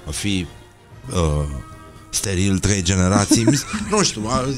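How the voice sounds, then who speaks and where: Deadpan joking radio host man. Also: low-pitched, faint music behind. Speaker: morning show host. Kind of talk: casual radio chat.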